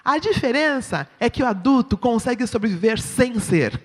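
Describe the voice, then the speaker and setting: Brazilian woman church speaker, lively swooping delivery, sermon teaching, long hall echo. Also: a little high, moderate pace. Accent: Brazilian Portuguese. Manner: expressive, asks the audience "right?". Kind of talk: sermon-style teaching talk.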